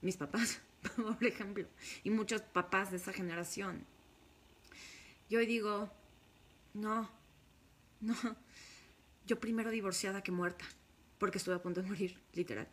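A woman's voice: medium pitch, fairly even intonation, measured pace, long pauses. A woman with a Mexican accent, a spiritual course leader, speaking to her viewers in a frank, emphatic confessional monologue.

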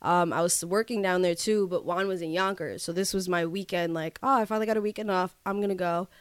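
A woman's voice: lowish voice, quick pace, clean tone, dry recording. Woman. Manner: animated storytelling, acts out quoted dialogue. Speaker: podcast co-host. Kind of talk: casual chat.

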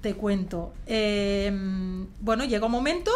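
A woman's voice: mid-range voice, slow pace, a little mellow. A woman telling her own story in casual chat, acting out quoted lines with rising emotion.

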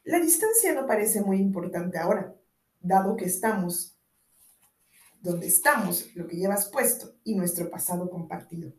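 An impatient male boss who snaps his words short and loses his temper quickly, as a woman narrator reads him. The recording is roomy, with a noticeable echo. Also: medium pitch, expressive, darkish tone, far from the mic, close to an everyday voice. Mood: pleading. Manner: curt, snapping. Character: man, the boss, impatient and flustered.

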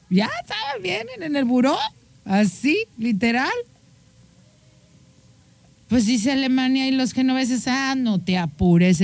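A woman's voice: sits high, a little mellow, no room sound. A woman with a Mexican accent hosts a show. She tells history in a casual, playful, teasing way. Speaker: host.

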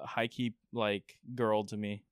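A young man hosting a casual podcast chat, laid-back and quick to laugh. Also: lowish voice, smooth, dry recording, studio quality. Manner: laid-back, laughs often, relaxed asides. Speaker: podcast host.

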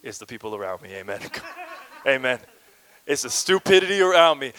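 A male pastor from Canada preaching a lively, conversational sermon with playful asides and calls to the congregation. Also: mid-range voice, moderate pace, low-quality recording.

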